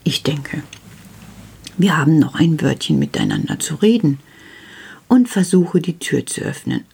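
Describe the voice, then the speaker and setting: A woman telling a children's story in a husky, often whispered voice, lively and intimate. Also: low-pitched, a little slow.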